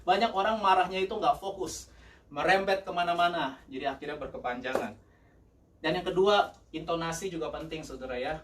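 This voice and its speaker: A male pastor preaching a lively sermon, mixing English phrases in and laughing often. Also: a little high, distant mic. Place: church service.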